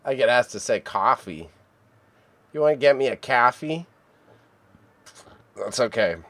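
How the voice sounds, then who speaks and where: Streaming from a home room, a thirties-aged Canadian man mutters while editing photos, then falls into relaxed conversation with the people watching. His mid-range voice has lively intonation, a measured pace and a slightly bright quality, with no echo.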